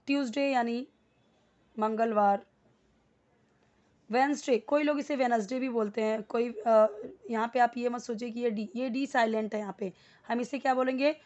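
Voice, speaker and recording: A woman teaching spoken English in Hindi, explaining grammar step by step and repeating words slowly for learners to copy. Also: a little high, fairly even intonation, darkish tone. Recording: dull lo-fi recording.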